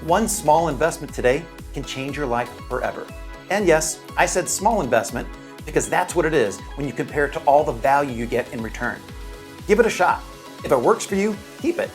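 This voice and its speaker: Steady promo narrator answering objections. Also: medium pitch, brisk, soft background music. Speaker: sales pitch narrator. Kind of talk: scripted promotional voice-over.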